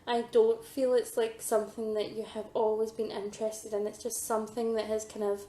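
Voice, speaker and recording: A woman who is a psychic medium giving a pick-a-card tarot reading, hesitant with many ums, losing her voice and clearing her throat. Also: a little high, flat delivery, normal speed, dark tone, roomy sound.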